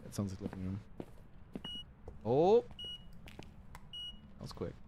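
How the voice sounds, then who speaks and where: A man's voice: fairly low pitch, huge pitch swings, slow pace, dark tone, a little hiss or hum. A man in his thirties streaming a game, chatting casually and jokily, rambling between stories and swearing now and then. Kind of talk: casual gaming stream chat.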